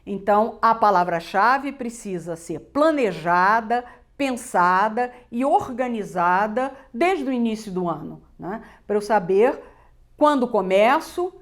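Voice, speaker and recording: A middle-aged woman with a Brazilian Portuguese accent explaining literacy teaching, measured and emphatic, checking in with "né?". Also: mid-range voice, animated. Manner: measured, emphatic, lists points with repeated "né?". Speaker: literacy teacher presenting a textbook.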